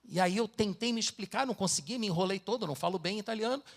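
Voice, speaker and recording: A man's voice: sits high, quick pace. A middle-aged man with a Brazilian Portuguese accent, preaching a sermon as pastor, mixing personal stories with dramatic Bible reading.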